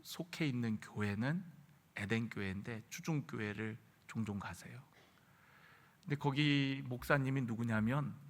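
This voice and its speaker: A man preaching a midweek sermon as pastor, telling a story earnestly and rising to emphatic peaks. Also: medium pitch. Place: church sanctuary. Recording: reverberant church hall.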